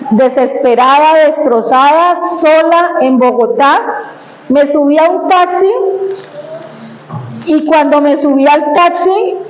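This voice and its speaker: A woman's voice: high voice, darkish tone, a little hiss or hum. A woman preaching a sermon, sharing personal testimony in a conversational, emotional way and asking the congregation questions. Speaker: church preacher. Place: church hall. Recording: echoey, dull church recording.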